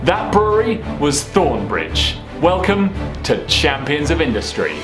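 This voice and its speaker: A man's voice: a little high, huge pitch swings, a little slow. A young man in his twenties from the UK hosting a beer vlog, presenting a scripted piece to camera with playful asides. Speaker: beer vlogger host. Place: small room indoors. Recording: echoey room with light music.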